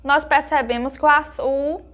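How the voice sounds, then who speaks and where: A woman teacher giving a lesson to young children, asking them questions and slowly sounding out each word she explains. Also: high voice, steady tone. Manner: slow emphatic sounding-out of words; warm diminutives, asks pupils questions.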